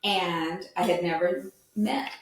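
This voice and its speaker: A woman's voice: on the low side, steady tone, slow pace. A woman who grew up mostly in Texas, co-hosting a casual chat and telling self-deprecating stories. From Texas, USA. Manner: storytelling, self-deprecating, laughs often. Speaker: podcast co-host. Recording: echoey room.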